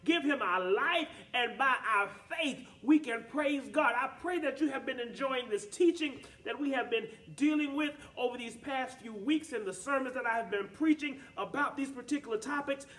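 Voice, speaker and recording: A male pastor leading worship, singing and shouting praise and calling the congregation to repeat after him, with worship music behind. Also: extremely high pitch, normal speed, few pauses, far from the mic. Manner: call-and-response exhortation, urging the congregation to repeat phrases; sings and shouts praise lines with fervor. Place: church service.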